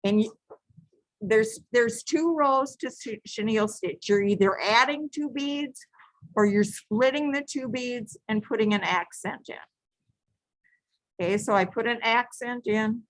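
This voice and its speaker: Her voice slightly high, a woman runs a live beading class from her craft table and patiently walks through every step at an unhurried pace. Instructions get repeated, and occasionally she corrects herself by restarting a phrase. The recording is dry and close-up, free of echo.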